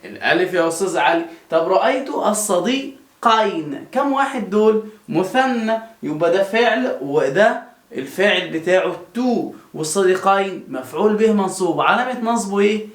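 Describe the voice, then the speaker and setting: An Egyptian Arabic-speaking man teaching a grammar lesson to children, lively and quizzing pupils before answering himself. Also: high voice, fairly quick, reverberant.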